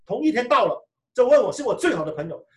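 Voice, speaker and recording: A man preaching a sermon and telling his own testimony with animated storytelling, often restarting his phrases. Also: extremely high pitch, quick pace. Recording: echoey room, mic far off.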